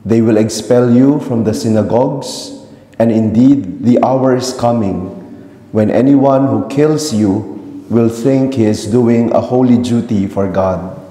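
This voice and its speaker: Priest reading the gospel. Slow, deep, very dark voice with a long cathedral echo, heard from far off. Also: male voice. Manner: slow, solemn, measured proclamation. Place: large church. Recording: echoey church from far off.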